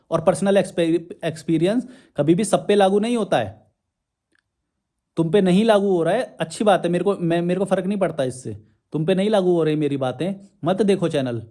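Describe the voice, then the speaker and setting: A man rants straight at his audience, answering their comments with sarcasm and blunt scolding. His voice sits a bit high for a man but has a mellow, warm tone. He talks like someone picking apart every argument thrown at him. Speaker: YouTube channel host. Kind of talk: ranting reply to viewer comments.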